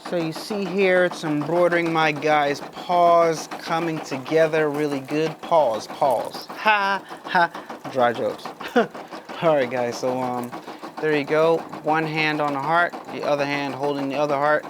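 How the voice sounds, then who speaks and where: A man's voice: on the high side, level tone, unhurried. A man hosting a casual embroidery how-to, chatting to viewers as he works and often calling them guys. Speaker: embroidery channel host. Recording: sewing machine noise in background. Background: running embroidery machine.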